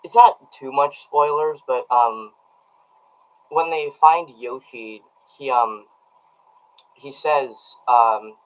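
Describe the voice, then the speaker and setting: Man, casual live-stream movie review, rambling with ums, talks to chat, middle pitch, dull lo-fi audio. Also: slow pace, long pauses. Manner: rambling, many ums and restarts.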